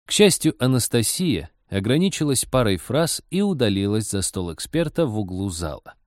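A man narrating a humorous story in a measured, wry audiobook reading. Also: lowish voice, a little mellow, dry recording, clean studio sound.

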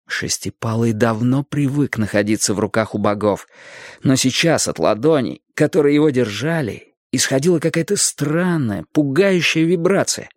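Guy reading an audiobook, really animated voice, dry close sound. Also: medium pitch, no echo. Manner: expressive, animated storytelling. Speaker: narrator. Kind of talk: audiobook narration.

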